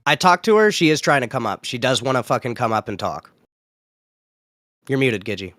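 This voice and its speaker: Guy talking quick n swearing a lot, trying to smooth things over, dry close mic. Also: mid-range voice, very animated, a bit bright, no echo. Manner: fast, profane, conciliatory. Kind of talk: livestream chat.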